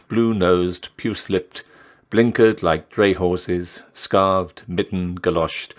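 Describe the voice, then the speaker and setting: Casting: male story narrator, low-pitched and very animated, declaiming like a town crier in measured, emphatic phrases. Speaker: reader of a literary story. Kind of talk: dramatic literary reading.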